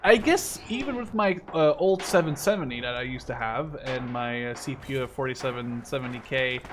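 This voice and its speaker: This gaming video host, a man in his twenties from the Netherlands, chats loosely over his gameplay, frequently backtracking to fix what he said and dropping casual curses. He talks briskly at a medium pitch, and there's a slight hiss or hum in the audio.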